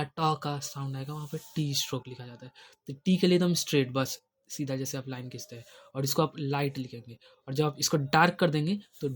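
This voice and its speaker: A man teaching a spoken shorthand lesson step by step, patient and repetitive, often checking in with the listener. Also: a little high.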